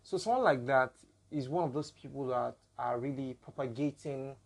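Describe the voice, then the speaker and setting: A man's voice: medium pitch, normal speed, gravelly. A man with a Nigerian accent hosting a casual podcast discussion, building his points through examples. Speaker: podcast host.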